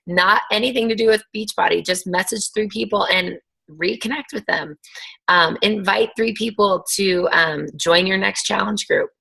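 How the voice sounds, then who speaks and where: A woman coach hosts a casual motivational video team call, chatty and encouraging, with lots of ums and likes. Her mid-range voice is scratchy and fairly bright, with vocal fry and a breathy edge.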